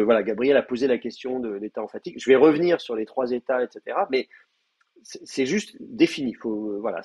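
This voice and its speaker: A man's voice: mid-range voice, darkish tone, breathy edge. A man teaching an online class, explaining patiently with many fillers and restarts. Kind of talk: online lecture.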